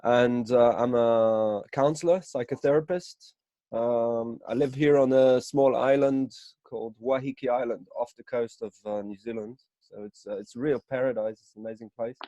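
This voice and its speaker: A man's voice: mid-range voice, steady tone, moderate pace, dark tone, no echo, highs cut off. A man from Israel, a counselor, introducing himself on a video call in a rambling, filler-heavy way. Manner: rambling, with many fillers and restarts. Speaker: counselor and psychotherapist. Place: home, early morning.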